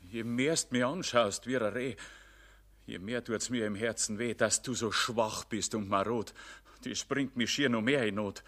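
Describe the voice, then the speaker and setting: A man's voice: mid-range voice, measured pace, a bit bright. A man playing a proud, doomed Everyman in a Bavarian dialect verse play, defensive and emphatic. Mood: softening distress.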